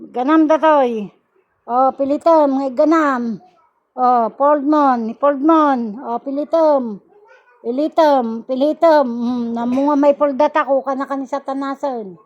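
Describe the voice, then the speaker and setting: A woman's voice: high-pitched, steady tone, measured pace, lo-fi sound. A woman leading a healing ritual, praying and issuing rhythmic, commanding calls. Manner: commanding, rhythmic, chanting exclamations. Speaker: faith healer. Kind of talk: spoken prayer and healing ritual.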